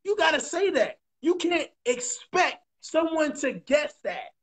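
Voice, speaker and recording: A man's voice: very high-pitched, very animated. Emphatic preachy man hosting a talk show. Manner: emphatic, preachy, swears, repeats points slowly. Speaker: podcast host.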